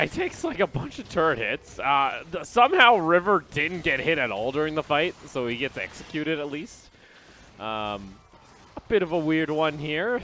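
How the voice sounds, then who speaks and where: A man's voice: mid-range voice, bright, forceful tone, a little hiss or hum. A young man casting a live esports match, chatting casually with his co-caster.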